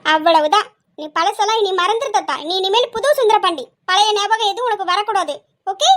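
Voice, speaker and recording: Woman doing a sweet college girl calming grandpa down, high voice, gentle coaxing. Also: brisk. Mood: teasing. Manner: coaxing, soothing, teasing. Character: young college girl, caring granddaughter, playful. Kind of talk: homemade family skit acting.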